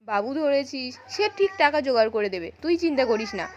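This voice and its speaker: A woman's voice: sits high, lively intonation, a little fast, darkish tone, lo-fi sound, slight background noise. Woman retelling as a sneering abusive village husband. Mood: scornful. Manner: angry, sneering retold lines.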